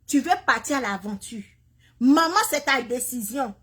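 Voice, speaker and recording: A woman's voice: a little high, lively intonation, moderate pace, background noise. A woman, speaking into a phone video and lecturing other mothers with repeated, pointed questions. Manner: preachy, repetitive, scolding questions to other mothers. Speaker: woman sharing her migration story. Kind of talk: impassioned direct-to-camera appeal. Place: Canada.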